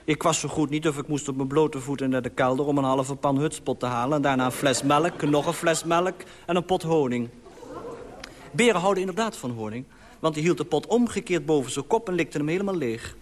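A man tells an absurd tale in a dry, deadpan manner, as in an old radio comedy monologue. His voice sits somewhat high. A long hall reverb hangs over every sentence. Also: fairly quick. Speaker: comic monologuist.

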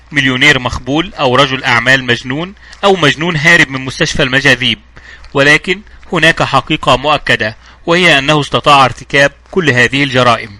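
Male narrator voicing a sardonic adventurer, cool and mocking, quick and bright, audiobook read. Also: mid-range voice. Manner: mocking, calm. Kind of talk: audiobook dialogue reading.

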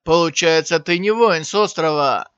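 A stern male warrior from a storybook, pressing an urgent warning, as a narrator puts him on. The voice sits fairly high, and the sound is dry and a bit dull. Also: moderate pace, fairly bright tone, clean tone, no room sound, natural voice.

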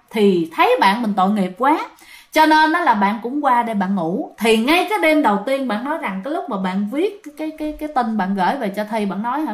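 A woman narrates a ghost story. Her voice sits slightly high. She talks in a chatty way and keeps turning to address her listeners directly.

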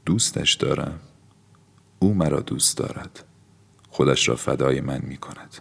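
A man voicing a timid, evasive young woman who speaks softly, almost in a whisper, in an audiobook. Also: rumbling low, vocal fry, slightly rough, full character voice. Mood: faint. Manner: soft, hushed, near-whispered lines. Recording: long hall-like reverb.

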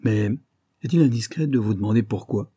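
A rich, polite company president speaking in a low, dark, husky voice, as a male reader voices him. The recording is dry and close. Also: fairly quick, no room sound. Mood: puzzled. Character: wealthy older male syndicate president, bewildered.

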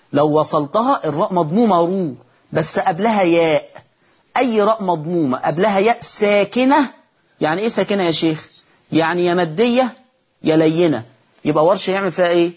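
A man with an Egyptian accent teaching Quran recitation rules. He asks the class questions and answers them himself, and he says each word slowly as a model. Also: fairly high pitch, breathy edge. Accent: Egyptian Arabic.

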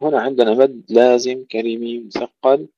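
A man teaching tajweed, reciting verses slowly and explaining each pronunciation mistake. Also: mid-range voice, little pitch movement, warm tone, no room sound, highs cut off. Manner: slow drawn-out recitation of verses between quick explanations. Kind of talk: tajweed lesson with recited examples.

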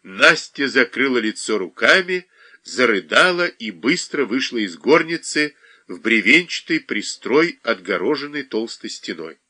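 Expressive male audiobook narrator. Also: mid-range voice, measured pace. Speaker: audiobook reader. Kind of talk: scripted narration.

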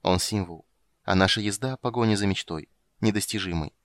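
A proud, sharp-tongued sorceress, as a man reads her out in an audiobook. Her voice sits low yet lifts with scorn, biting and haughty. The sound is dry and close. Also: fairly quick, no room sound, lightly acted. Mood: wistful. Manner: haughty, biting, then wistful. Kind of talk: audiobook character reading.

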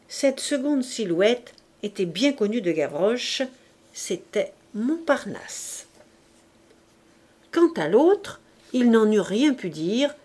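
Slow, measured woman reading aloud. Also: mid-range voice, darkish tone. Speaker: audiobook reader. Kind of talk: scripted narration of a classic novel.

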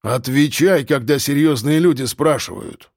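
A man's voice: mid-range voice, moderate pace, creaky, dry recording, natural voice. Suspicious hardened crook, blunt, as a man voices him, close dry read. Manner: blunt, sneering interrogation. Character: suspicious grim criminal, gruff man.

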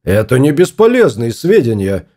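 A man's voice: medium pitch, very animated, moderate pace, dark tone. A man voicing a stubborn, fussy husband exploring space in an audiobook, grumbling and obstinate.

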